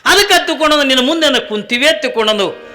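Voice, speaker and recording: A woman's voice: high voice, animated, brisk, pushed and bright, soft background music. A man voicing a poor, childless village wife who pleads and grieves in a tearful voice. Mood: pleading. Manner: tearful pleading, repeating her plea.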